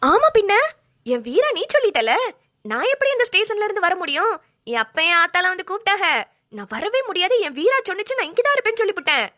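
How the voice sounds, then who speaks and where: High tearful woman voicing a cartoon. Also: big pitch swings, fast talker, sharp tone. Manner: tearful, pleading, rural dialect. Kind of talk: melodramatic cartoon voice acting.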